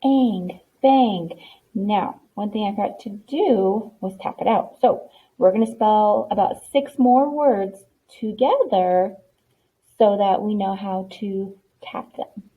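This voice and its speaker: Sounding out each letter in turn, a woman leads a spelling lesson in a patient, encouraging way. Her medium-pitched voice is slightly rough and she takes her time. The audio has a tinny, lo-fi, phone-like quality.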